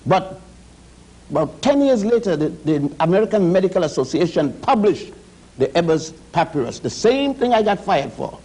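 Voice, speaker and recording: Husky-voiced man lecturing emphatically. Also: high-pitched, very animated, moderate pace, mellow, poor audio. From Puerto Rico. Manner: emphatic lecturing, spells out words. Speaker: guest historian. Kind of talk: TV studio discussion. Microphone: studio mic.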